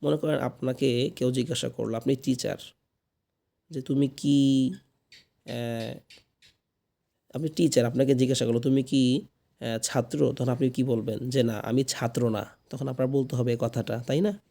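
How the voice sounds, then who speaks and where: Gravelly man teaching English slowly. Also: mid-range voice, steady tone, dark tone. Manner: patient, repeats phrases slowly for learners. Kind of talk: spoken English lesson in Bengali.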